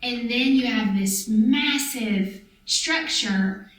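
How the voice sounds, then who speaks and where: A woman's voice: a little high, slow, a bit bright. Reflective woman in an echoey room. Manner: thoughtful, talks in long run-on sentences. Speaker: vlog co-host. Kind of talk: casual reflective chat. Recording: echoey room, distant mic.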